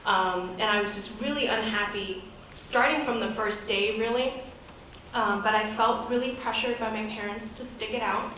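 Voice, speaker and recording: A woman in her thirties, an American who grew up in Boston, stands at a podium in an event hall as a guest presenter, giving a candid, conversational personal talk. Her voice sits on the high side, pushed and bright, at a moderate pace. The distant mic picks up slight background noise, and the hall is very echoey.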